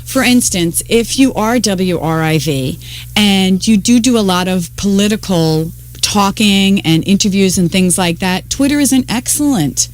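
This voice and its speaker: A woman's voice: mid-range voice, lively intonation, a little slow. A woman speaking as an expert guest in a radio interview, explaining things conversationally. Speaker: social media consultant, interview guest.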